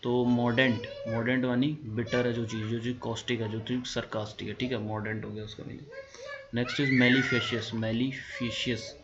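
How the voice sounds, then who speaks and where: A man's voice: medium pitch, flat delivery, moderate pace. A man with an Indian accent teaching English vocabulary in a casual lesson. He repeats each word several times and spells words out letter by letter. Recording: dull lo-fi sound with clear background noise.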